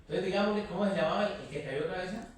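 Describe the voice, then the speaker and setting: A man's voice: sits high, very fast, distant mic. Colombian man lecturing in an echoey classroom. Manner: animated, quizzing students, telling anecdotes. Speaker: anatomy lecturer. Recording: echoey classroom recorded from afar.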